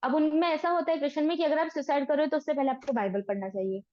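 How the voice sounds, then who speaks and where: Speaking fast in a high-pitched, darkish voice, a woman teaches a devotional class, explaining earnestly and posing questions she then answers herself. The audio sounds dull.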